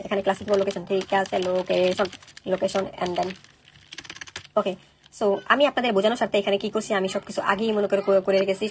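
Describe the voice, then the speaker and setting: A woman teaching a coding tutorial, talking fast and checking in with listeners after each step. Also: mid-range voice, a little hiss or hum. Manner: rapid, keeps checking in with "okay?". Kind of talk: screen-recorded coding tutorial.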